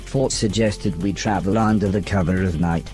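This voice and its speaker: A man voicing a wry adventurer who narrates his journey in a measured, scripted storybook style for a video game. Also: low-pitched, fairly even intonation, darkish tone, soft background music, close to an everyday voice. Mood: measured, reflective. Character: adventurer recounting his journey home with a companion.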